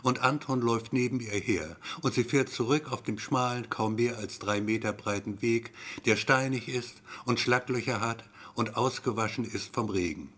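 A man's voice: mid-range voice, moderate pace, few pauses, a bit bright, slightly rough. Wry male audiobook narrator. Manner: repetitive, wry storytelling. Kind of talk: scripted story reading.

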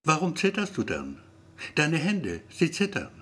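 Brief: man voicing a bold, sassy fairy girl in a storybook reading, husky and bouncy. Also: on the high side, huge pitch swings, measured pace, fairly bright tone, pitched above the performer's own voice, exaggerated voice. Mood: concerned. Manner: bold, sassy, swears when frustrated. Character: fairy-girl dressed as clown, cheeky, brash.

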